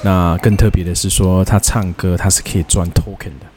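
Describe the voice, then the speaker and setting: A man's voice: low voice, flat delivery, brisk, darkish tone, faint music behind. A man with a Taiwanese accent chatting casually as a podcast guest. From Kaohsiung, Taiwan. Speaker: podcast guest, concert promoter and app developer. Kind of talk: casual conversation.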